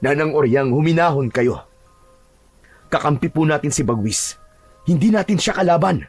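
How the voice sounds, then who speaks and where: A man voicing a calm, steadfast village chieftain in a narrated horror audio drama, speaking in a measured, reassuring way. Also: a little high, breathy edge, no room sound, faint music behind.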